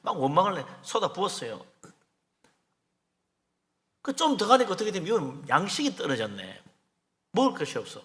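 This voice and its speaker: A man's voice: sits high, sing-song, moderate pace, pauses often, a bit bright, long reverb tail. A male pastor preaching a midweek Bible sermon in a conversational way, acting out the lines he quotes. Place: church sanctuary.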